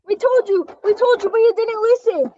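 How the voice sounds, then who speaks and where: A woman's voice: very high-pitched, normal speed, warm tone, dull audio. A woman playing a panicky heckler who exclaims frantic warnings in a comic school stage play. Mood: exasperated. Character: loud, panicky heckler warning storybook children of danger.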